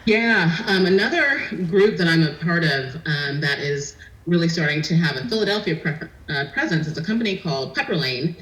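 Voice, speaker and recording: A woman's voice: deep voice, animated, a little fast, a bit bright. Outgoing woman guest in an echoey room. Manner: outgoing, chatty, laughs easily. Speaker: guest, communications business owner. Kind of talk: casual interview chat.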